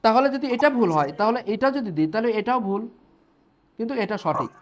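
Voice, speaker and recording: A man's voice: high-pitched, expressive, fast talker, slight background noise. A man teaching an online English class, explaining step by step and checking in with his students.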